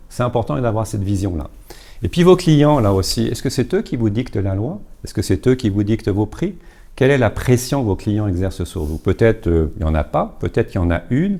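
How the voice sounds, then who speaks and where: Low, mellow-voiced man explaining. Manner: explains step by step with many fillers and repeated words. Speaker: business coach speaker. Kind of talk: informal talk at a business networking event.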